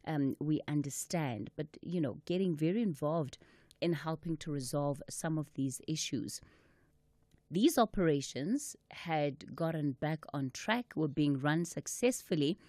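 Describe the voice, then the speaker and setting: A woman presents a radio talk show in a smooth host's manner. Her voice sits low and sounds warm and mellow. The studio sound is close and dry. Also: no echo. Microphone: studio microphone.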